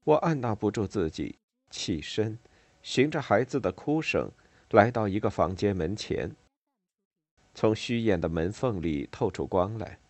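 A man narrating a novel in a measured reading style with expressive, varied intonation. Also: fairly low pitch, dry recording. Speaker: audiobook narrator.

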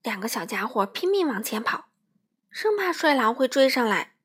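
A woman's voice: a little high, moderate pace, breathy edge. A woman narrating a children's storybook expressively. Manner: expressive, animated.

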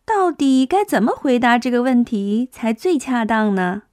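A woman's voice: on the high side, expressive, background noise. A young woman teaching English to small children, coaxing them along and stretching out each sound to demonstrate it. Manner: coaxing, drawn-out demonstrative phonics. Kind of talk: children's language lesson.

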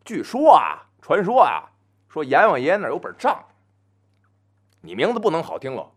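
A man telling a traditional folk story on his own, chatty and full of asides, slowing down to chant opening verse. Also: a little high, wildly swooping pitch. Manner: chants verse slowly and grandly.

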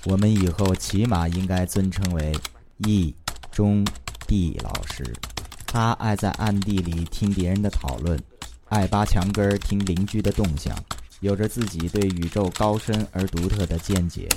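A man's voice: low-pitched, moderate pace. A man with a Beijing accent narrating scripted comedy in a wry, mock-formal manner. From Beijing, China. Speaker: comic storyteller. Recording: clear background noise with keyboard clicks.

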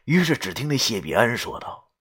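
A man narrating a story in an animated, wry way, with crude asides. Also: medium pitch, brisk, slightly rough.

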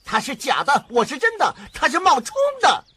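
A shrill, husky monkey king in a TV drama. His very high, bright voice leaps wildly up and down as he argues insistently and quarrels without letup. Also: wildly swooping pitch, normal speed, no room sound, exaggerated voice. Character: boastful male monkey king, hot-tempered. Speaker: actor. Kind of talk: TV drama acting.

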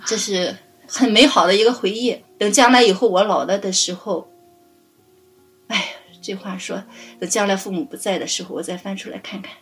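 A middle-aged woman caring for her parents, telling stories in a lively way and laughing often. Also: medium pitch, brisk, breathy edge, faint music behind. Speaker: family caregiver guest. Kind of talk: casual interview storytelling.

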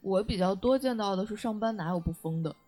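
Quick-talking woman chatting about internet slang. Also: medium pitch, warm tone, faint music behind. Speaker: podcast co-host.

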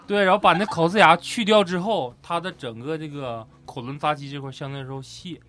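Higher-voiced guy telling stories. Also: steady tone, fairly quick, fairly bright tone. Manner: earthy, vivid storytelling with swearing. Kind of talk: casual group chat, anecdotal. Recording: music playing behind the talk.

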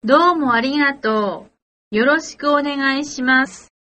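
A woman's voice: high-pitched, measured pace, pushed and bright. A woman playing a polite hotel guest in a scripted language lesson, with careful textbook delivery. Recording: dull, lo-fi lesson recording.

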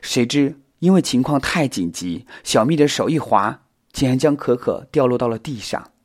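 A man narrating a children's insect fairy tale with expressive, dramatic storytelling. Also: mid-range voice, slightly rough. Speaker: author and narrator.

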